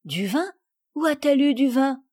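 A woman voicing a gentle young girl who speaks in an earnest, pleading way. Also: high-pitched, moderate pace, dry recording, studio quality, voice pushed up, natural voice.

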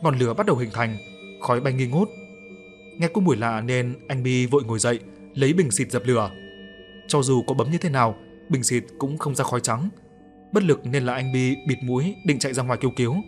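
A man reads a horror story aloud in a steady, dramatic storytelling voice. His pitch sits in an ordinary middle range, with faint music playing softly underneath. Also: fairly quick. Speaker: audiobook narrator. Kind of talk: scripted horror story narration.

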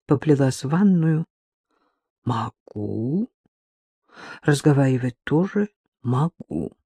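A woman narrates a literary novel with measured, emotional delivery. Her voice is warm, soft and a little breathy. The recording is close and dry. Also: low voice, dry recording. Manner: measured, emotional, slowing on key phrases. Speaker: audiobook narrator.

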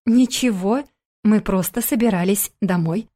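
A woman's voice: medium pitch, measured pace, mellow, lightly acted. Woman doing a sneering blonde ex-wife. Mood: mocking. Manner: sneering, sugary, condescending. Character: scornful mocking blonde ex-wife and mother.

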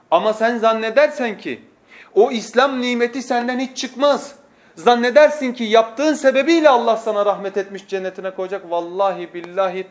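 A man preaching from a pulpit microphone, teaching with passion and moving from hushed tones to emphatic oaths, with quick scriptural recitation. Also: sits high. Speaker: preacher teaching a lesson series. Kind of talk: sermon lecture.

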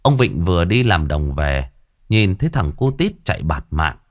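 A man's voice: deep voice, normal speed. Man telling a ghost story. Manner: lively, colloquial storytelling.

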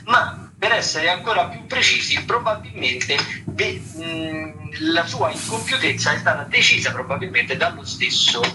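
Unhurried and expressive, a man with a voice on the high side hosts a radio show and works through theatre listings somewhat off the cuff, often faltering to find the right words. The broadcast has music running underneath and low recording quality.

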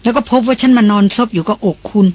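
A woman's voice: fairly high pitch, quick pace, pitched above the performer's own voice, natural voice. A reader putting on a dazed, frightened young woman. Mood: frightened, pleading. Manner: soft, bewildered and pleading. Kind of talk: audiobook dialogue reading.

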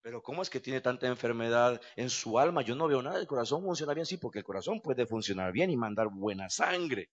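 A man preaching a fervent evangelical sermon, swinging between hushed speech and impassioned shouting, with frequent cries of hallelujah. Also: mid-range voice, expressive, a little fast, few pauses, lo-fi sound.

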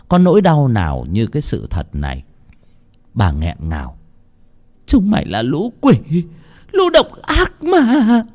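Expressive male horror storyteller. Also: lowish voice. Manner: dramatic, expressive. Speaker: narrator. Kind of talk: dramatic horror story narration.

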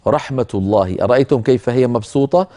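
A middle-aged man teaching a Quranic reading rule, explaining in a calm, measured way and slowly chanting verse quotations. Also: medium pitch. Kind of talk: lecture on a tajweed poem.

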